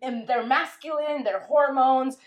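A woman's voice: high-pitched, measured pace, dull audio. A woman hosting a podcast in casual chat, who laughs easily and steers the talk toward the topic. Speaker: podcast host.

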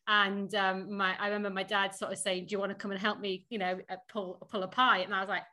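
In a casual interview chat, a woman from Sheffield, England, speaking with a Northern English accent, appears as a podcast guest and company founder. Her medium-pitched voice is pushed and bright, moves quickly, and shows little pitch movement; she laughs a lot and fills her speech with fillers.

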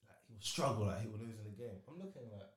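A young man with a south London roadman accent talks in rapid, slangy bursts. He tells stories casually, dropping "bro" and "like" throughout, in a roomy, echoey space. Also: lowish voice, expressive. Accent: London roadman, south London street slang. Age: young adult. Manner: slangy, peppers talk with "bro" and "like". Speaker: footballer guest. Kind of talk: casual chat, telling stories.

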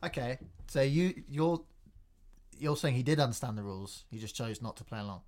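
A man's voice: mid-range voice, expressive, a little fast, a little mellow. A man co-hosting a podcast, casual, with dry, wry remarks while he thinks aloud. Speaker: podcast co-host. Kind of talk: casual chat.

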